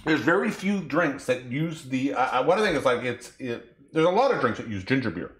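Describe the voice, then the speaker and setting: Here a man speaks at medium pitch in a sing-song way, a little fast, in a reverberant room. He's co-hosting a cooking and drinks show, making casual chat as he mixes a cocktail, rambling and often trailing off before correcting himself.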